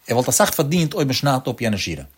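A man giving an explanatory religious lecture as a teacher of religious law, speaking in a lilting, sing-song cadence with sudden rises in pitch and addressing his listeners directly as friends. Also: big pitch swings, fairly quick, slightly rough.

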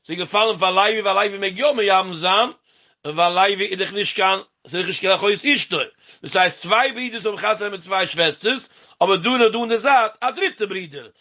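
A man's voice: sits high, moderate pace. A man, explaining a Talmud passage in a sing-song lecture. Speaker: Talmud teacher. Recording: lo-fi dull recording.

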